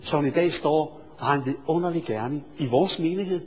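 A male preacher telling a sermon story, swinging from hushed asides to loud, excited storytelling. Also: a little high, breathy edge. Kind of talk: sermon with anecdote. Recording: reverberant hall, dull lo-fi sound.

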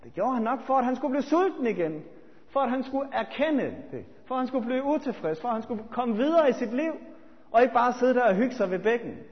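A man preaching a sermon, swinging between loud urgent appeals and quiet reflective asides. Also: very high-pitched, sing-song. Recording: dull sound with long church reverb.

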